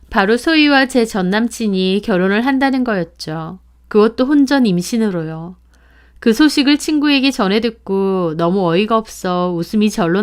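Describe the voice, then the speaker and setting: A young woman narrating a first-person story in a steady, plain tone. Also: medium pitch, clear, resonant tone.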